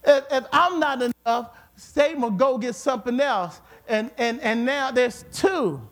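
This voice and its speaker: A man preaching a sermon with emphatic repetition, at times rising to shouts. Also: very high-pitched, a little slow. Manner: emphatic, repeats words, rises to shouts.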